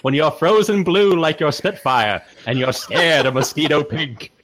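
A man's voice: on the high side, measured pace, a bit bright. A man putting on a pompous transatlantic airman. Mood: theatrical. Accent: put-on transatlantic. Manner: theatrical sing-song recitation. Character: pompous old-fashioned male air force officer reciting verse.

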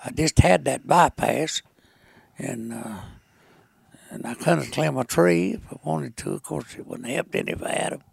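An elderly man with a rural Arkansas, Appalachian-like mountain accent and a gravelly voice, telling a folksy story in a halting, plainspoken way. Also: medium pitch, no room sound. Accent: rural Arkansas Ozark mountain, Appalachian-like. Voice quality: gravelly, raspy old voice. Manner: halting, plainspoken, rustic grammar. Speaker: storyteller being interviewed.

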